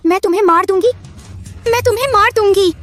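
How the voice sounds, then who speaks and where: A woman's voice: very high-pitched, fairly quick, fairly bright tone, faint music behind. A woman voicing a grieving young woman who accuses a killer in a dubbed drama. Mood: frantic. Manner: frantic, accusing.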